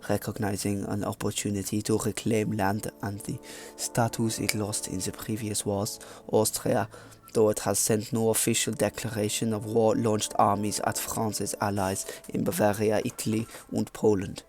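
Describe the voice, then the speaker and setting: A man's voice: fairly low pitch, little pitch movement, normal speed, a little mellow, soft background music, natural voice. A man putting on a mock French accent to read a game story. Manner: hammy, stumbling over words while reading aloud.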